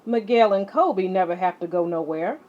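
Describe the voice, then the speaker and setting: A woman's voice: mid-range voice, moderate pace, a little mellow, muffled recording, close to an everyday voice. A woman voicing a curious, grumbling young boy in a storybook, with a whiny, questioning manner.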